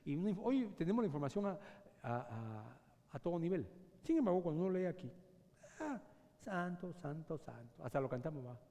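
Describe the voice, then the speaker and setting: Animated preaching man in a reverberant church. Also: on the high side, fast. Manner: animated preaching, swinging from loud cries to hushed whispers. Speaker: pastor. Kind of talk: sermon. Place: church sanctuary. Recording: long church hall reverb.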